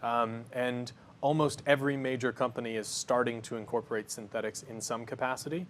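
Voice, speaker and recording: A man's voice: medium pitch, brisk, a little hiss or hum. A man, a company founder, talking confidently through a cooking demo and interview in a studio kitchen. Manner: confident, energetic, explains as he works.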